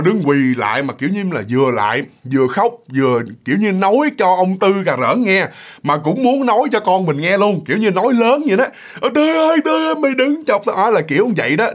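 A man with a Southern Vietnamese accent telling a ghost story in a casual, animated way, often addressing listeners directly. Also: sits high, fairly quick.

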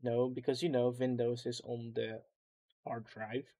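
A man's voice: medium pitch, little pitch movement, a little slow, dark tone. A young man with a Dutch accent, chatting bluntly and swearing while playing an online game with friends. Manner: blunt, swears a lot, mock outrage. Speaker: gaming channel host. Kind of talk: casual gaming chat.

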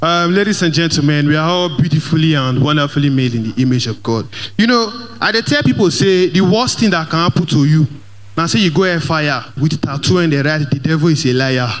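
Holding a handheld mic in a large church hall, a young man with a Nigerian Pidgin English accent performs lively stand-up comedy. He switches between Pidgin and English while working the crowd, and his voice is slightly high and fairly quick.

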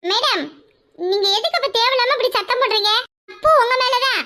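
Lady doing a high prim young city girl, fast, cartoon, tosses in english. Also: bright, forceful tone. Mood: snippy. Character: haughty young city woman shopper. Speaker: cartoon character.

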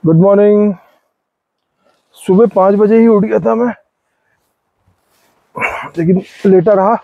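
A high-voiced man in his forties talks in a relaxed, chatty way at a riverside campsite in a forest. The sound is dry and a little dull, picked up by a phone held close. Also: slow pace, vocal fry, dry recording. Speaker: vlogger. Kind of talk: casual camping vlog narration. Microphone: phone camera held close.

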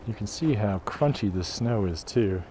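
A tour guide with a fairly low, mellow voice speaks at a moderate pace and with animation, strolling a snowy campus and musing about buildings whose names he doesn't quite know. His carried camera records wind and street noise outdoors.

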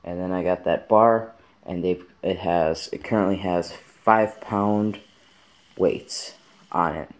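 A young man vlogs casually to the camera from his bedroom at home, holding it at arm's length. His low voice moves slowly, and his talk rambles along in an easygoing way, full of fillers.

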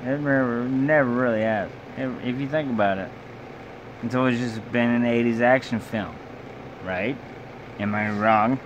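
In a muffled recording from a small indoor bedroom, a young amateur film reviewer speaks drunkenly, giving a loose, blunt and sweary casual video review. His voice is medium-pitched and his pace measured, with noticeable hum and noise in the background.

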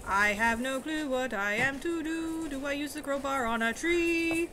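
A woman's voice: high-pitched, unhurried, noisy background. A young woman giving goofy, sarcastic let's-play commentary with mock-old-fashioned quips. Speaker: gamer.

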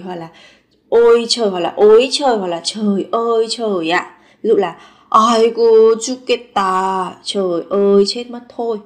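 Woman teacher with a Vietnamese accent, mid-pitched, repeating phrases slowly and expressively for learners. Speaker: Korean language teacher. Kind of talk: language lesson.

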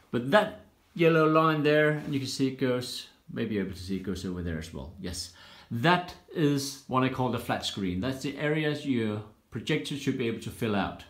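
A man casually walking through his home cockpit build, explaining each step plainly with frequent "uh" pauses, filmed on a handheld phone. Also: medium pitch. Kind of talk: casual build-log walkthrough. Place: indoors in a home workshop room. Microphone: handheld phone camera. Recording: roomy echo in a bare room.

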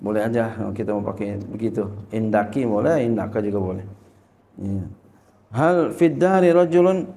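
A man's voice: on the low side, moderate pace, mellow, echoey room. A male Islamic teacher teaching a religious lesson. He reads Arabic text, translates it and asks rhetorical questions.

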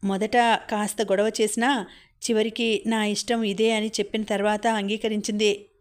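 A woman voicing an earnest young man who proposes in a soft, steady, pleading voice. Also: medium pitch, normal speed, lightly acted. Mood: tender pleading.

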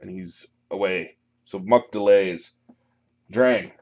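A slow-paced, fairly low-voiced man runs a tabletop game session as game master, calling turns and dice results in a relaxed way with easy laughs. The recording is muffled and lo-fi, with a faint hiss under it.

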